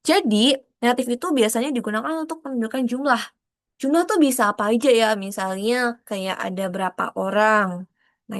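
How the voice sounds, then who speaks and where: Woman, online teacher, explanatory and repetitive, dry video-call sound, mid pitch. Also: a bit bright, dry recording. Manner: explanatory, repeats examples, frequent fillers. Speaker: Korean language teacher. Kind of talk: online class lesson.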